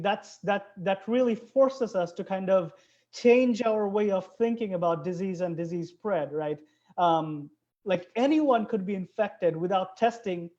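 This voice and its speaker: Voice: mid-range voice, warm tone. A biologist from Bangladesh, a guest in an interview, explaining things in an earnest way. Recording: dull lo-fi recording.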